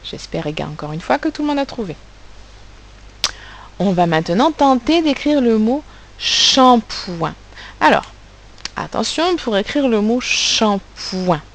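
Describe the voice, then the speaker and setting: A woman teacher giving a recorded phonics lesson to children, articulating sounds and syllables slowly and with care. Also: on the high side, lively intonation, darkish tone, poor audio. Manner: slow, carefully articulated, stressing sounds and syllables. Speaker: primary school teacher.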